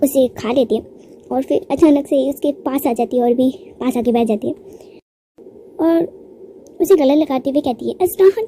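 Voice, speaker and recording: A woman's voice: high-pitched, mellow, slight background noise. A woman narrating a manga recap in a chatty storytelling way, laughing now and then.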